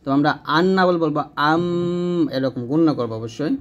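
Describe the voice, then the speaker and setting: A man with a Bangladeshi Bengali accent giving a step-by-step tajweed lesson, spelling out letters and drilling each syllable slowly. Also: a little high, muffled recording. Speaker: Quran recitation teacher.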